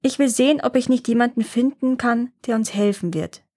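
A woman voicing a lively young girl in a fairy tale reading, asking eager questions. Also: on the high side, fairly quick, close to an everyday voice. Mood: curious.

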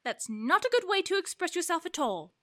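A woman's voice: extremely high pitch, big pitch swings, brisk, no echo, studio quality. An actress playing Alice, a curious and polite young girl who wonders aloud and talks to herself. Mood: tender. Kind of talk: audio drama acting.

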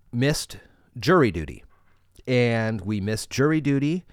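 A man's voice: medium pitch, no room sound, studio quality. A man with an American accent casually telling a story, acting out bits of dialogue as he goes. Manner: animated, re-enacts dialogue in his retelling.

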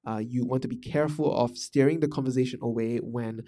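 A Malaysian podcast host talks through management ideas in a casual monologue, his medium-pitched voice warm and steady and his pace a little fast. He's thoughtful, full of fillers and restarts.

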